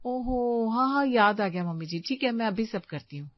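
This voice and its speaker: A woman voicing a kind, busy young married woman who bosses her friend around in a lively way. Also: fairly high pitch, moderate pace, no echo, dull audio, close to an everyday voice.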